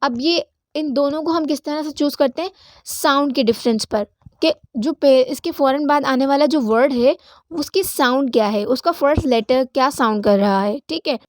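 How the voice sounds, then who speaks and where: A woman teaching an English grammar lesson. She reads the English example lines slowly and carefully and often checks in with her listeners. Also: sits high, no room sound, studio quality. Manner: slow, deliberate reading of English example lines, checks in with "theek hai?". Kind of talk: grammar lesson in Hindi-Urdu.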